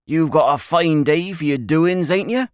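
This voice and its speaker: A man's voice: a little high, moderate pace, clear, resonant tone, dry recording, clean studio sound, pitched above the performer's own voice, lightly acted. A man voicing a grave old country shepherd with a rural English accent, speaking emphatic, folksy dialect in a storybook reading. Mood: genial.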